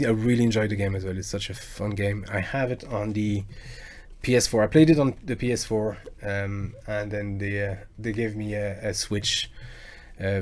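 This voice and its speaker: A Frenchman in his 40s with a low voice hosts a live stream and makes game music covers. He chats with viewers in a rambling, talkative way, often bursting into excitement.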